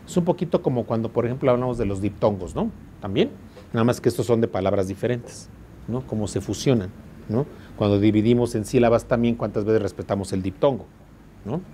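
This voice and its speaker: A man's voice: fairly low pitch, a little fast, warm tone, a little hiss or hum. A man with a Mexican accent teaching a class, explaining patiently and often asking the students if they follow. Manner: explains patiently, checks understanding with constant questions. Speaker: law school teacher. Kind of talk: classroom lecture.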